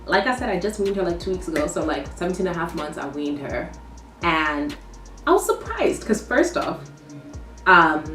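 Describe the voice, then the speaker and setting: Woman, young, low-pitched, chatty, filler-heavy, echoey room. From born in the US, raised in London. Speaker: vlogger, new mother. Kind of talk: casual chat to camera. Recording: roomy echo, heard from a distance, faint music behind.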